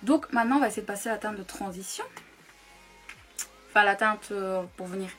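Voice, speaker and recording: A young woman chatting casually through a makeup tutorial at home, keeping her voice soft so she won't disturb anyone. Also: medium pitch, fairly quick, faint music behind. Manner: chatty, talks softly so as not to disturb. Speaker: beauty YouTuber. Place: home room at a makeup table.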